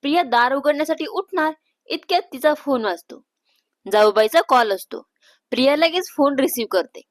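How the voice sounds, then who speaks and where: A woman storyteller reading a family story aloud in a calm, steady narration. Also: sits high, normal speed, no echo, studio quality.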